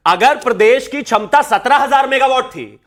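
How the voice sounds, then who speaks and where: A man's voice: very high-pitched, lively intonation, moderate pace, fairly bright tone. A man speaking as a party spokesperson in a heated TV debate, combative and talking over others.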